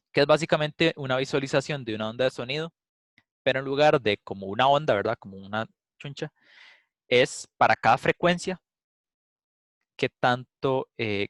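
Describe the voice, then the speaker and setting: A man's voice: medium pitch, fairly bright tone. A man lectures in a loose, conversational way, walking students through a demo and stopping often with an "eh" to gather his thoughts. His voice sits in an ordinary middle register. The recording is dry, with no room echo. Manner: casual, explanatory, thinks aloud with filler "eh". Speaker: instructor.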